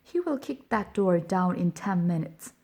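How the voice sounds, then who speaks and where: A woman's voice: lowish voice, animated, a little slow, a little mellow. A woman reading an audiobook, voicing an alarmed, indignant shopkeeper's wife. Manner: breathless and alarmed.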